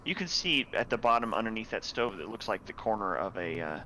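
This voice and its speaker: A young man narrating as dungeon master, laid-back and halting, with lots of fillers and chuckles. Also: lowish voice, big pitch swings, bright, forceful tone, slight background noise, rough recording. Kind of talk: narrating a tabletop game.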